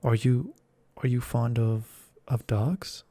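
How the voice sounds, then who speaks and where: A man voicing a polite, eager young girl in a soft whispered role-play. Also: medium pitch, takes it slowly, dry recording. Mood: earnest. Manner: earnest, eager, soft-spoken.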